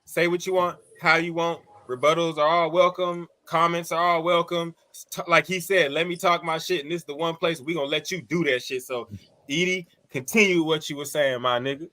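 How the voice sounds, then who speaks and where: A man's voice: a little high, steady tone, fairly quick, bright, forceful tone. A man co-hosting a casual podcast, loose and profane, cutting in over the others. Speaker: podcast co-host. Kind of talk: casual sports podcast chat.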